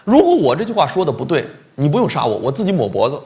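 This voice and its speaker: A scruffy middle-aged job-seeker, cheeky and sure of himself, haggling in a sly tone, as a male lecturer puts him on. The voice is gravelly and swings widely in pitch. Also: very animated, quick pace, a little mellow. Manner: sly, bargaining.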